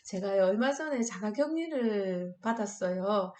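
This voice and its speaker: A middle-aged woman teaching an online anti-smoking class to high school students. She coaxes her students along in an upbeat way and leads them in shouted chants and clapping games. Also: lively intonation, measured pace, echoey room. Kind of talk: online classroom lecture with group exercises.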